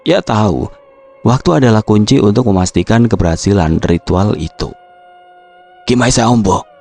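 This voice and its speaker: Seorang pria membacakan cerita horor dengan gaya bercerita yang dramatis dan terukur. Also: male voice, low-pitched, dark tone. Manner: measured, dramatic storytelling. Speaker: horror story narrator. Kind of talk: dramatic horror story reading.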